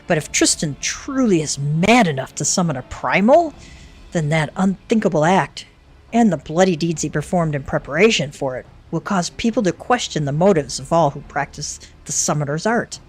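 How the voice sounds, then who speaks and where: A woman voicing a grave male guard captain from a fantasy game, earnest and solemn in a low voice. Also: lively intonation, normal speed, husky.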